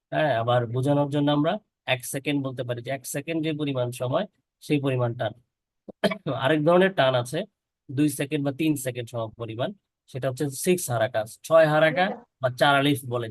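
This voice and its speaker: A man's voice: medium pitch, dry recording, poor audio. Male online tutor, patient and methodical, dry close sound over a video call. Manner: patient, explains step by step, models sounds for students to repeat. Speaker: Quran teacher. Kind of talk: online class teaching letter pronunciation.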